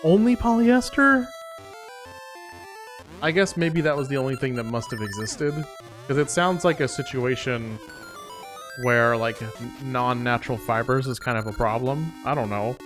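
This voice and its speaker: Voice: medium pitch, normal speed, a bit bright. A game streamer co-hosting a playthrough with casual, reactive commentary and chat. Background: video game music.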